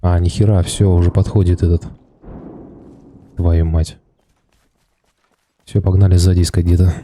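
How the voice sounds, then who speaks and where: A man's voice: low voice, flat delivery, moderate pace, warm tone. A man giving casual gameplay commentary to teammates in a coarse, street-tough, heavily swearing manner. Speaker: gamer playing a battle royale shooter. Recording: faint background game noise. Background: video game sounds.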